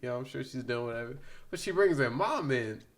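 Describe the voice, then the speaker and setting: A man's voice: mid-range voice, lively intonation, a little fast, a loud crowd. A young man telling a rambling, laughing anecdote full of slang as a podcast guest. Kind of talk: casual storytelling.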